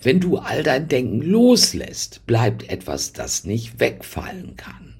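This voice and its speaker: A man's voice: mid-range voice, wildly swooping pitch, slow, creaky, a little mellow, breathy edge, full character voice. A man voicing a vigorous male mystic, solemn and proclaiming.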